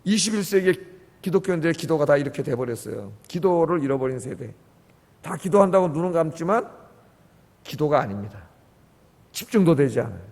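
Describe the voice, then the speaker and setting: Man, pastor, preaching an early-morning sermon, high voice, impassioned, swings from quiet to loud, long reverb of a church sanctuary. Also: animated, fairly quick, gravelly, long pauses.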